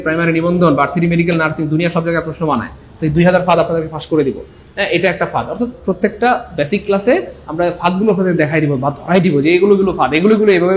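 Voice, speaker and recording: A man's voice: high-pitched, a little hiss or hum. A man with a Bangladeshi accent teaching an online exam-prep English class, repeating points and coaxing students to comment.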